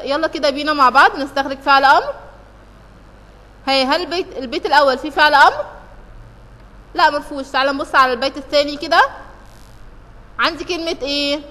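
A high, bright-voiced woman teaching with an Egyptian Arabic accent, guiding a review lesson for children one step at a time. She keeps putting questions to the class and then answering them, and she draws out verses when reciting. Her voice carries a long reverb, as if in a hard-walled room. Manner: recites verses in a slow, drawn-out way.

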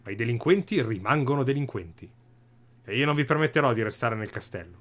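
A man's voice: medium pitch, lively intonation, fairly quick, fairly bright tone, lightly acted. A man voicing a stiff, pompous knight captain who barks his orders. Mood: stern. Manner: barking, self-important.

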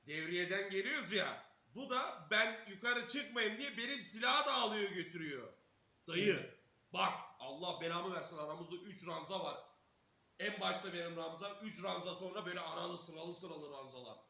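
A man's voice: high voice, expressive, normal speed, sharp tone. A young man from Turkey telling a story casually as a streamer, swearing a lot and acting out every quoted line. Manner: swears constantly, acts out quotes, laughs while telling. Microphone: streaming mic. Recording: echoey room with faint hiss.

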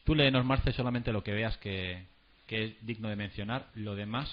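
A man's voice: lowish voice, moderate pace, soft background music. A man hosting a podcast, leading a casual group chat and reading out listener tweets. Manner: chatty, leads the talk and asks questions. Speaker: podcast host. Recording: dull lo-fi podcast audio.

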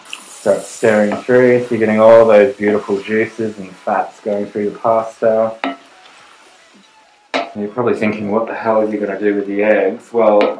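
A man's voice: fairly low pitch, background noise. A middle-aged man hosting a casual cooking demonstration in his home kitchen, chatting through tips as he works. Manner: chatty, gives tips while working at the stove. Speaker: cooking show host. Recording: echoey kitchen with pot and cutlery clatter. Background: cutlery and pan clatter.

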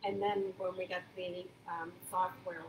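A woman's voice: fairly low pitch, level tone, a little slow. An older woman who manages a farmers market, chatting eagerly in an interview with lots of fillers and restarts. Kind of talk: casual interview. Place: large indoor market hall. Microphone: phone camera a few feet away. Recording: echoey hall from a distance, background hum.

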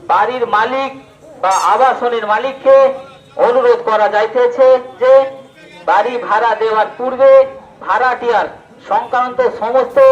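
Police announcer, male, very high voice, outdoor loudspeaker, distant and echoey, slow phrase-by-phrase delivery. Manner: slow, measured, short phrases with pauses. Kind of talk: public safety announcement. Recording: echoey loudspeaker heard from far off.

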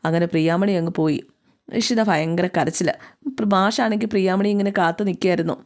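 A woman's voice: on the low side, fairly even intonation, fairly quick, a little mellow. A woman casually retelling a drama plot with chatty asides. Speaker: serial recap narrator. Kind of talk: casual storytelling recap.

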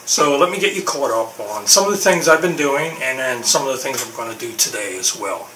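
A middle-aged man vlogs about maintaining his boat from a home workshop garage indoors, speaking briskly at medium pitch. The recording is low quality with a crowd audible in the background, and his relaxed, loose talk is full of fillers and restarts.

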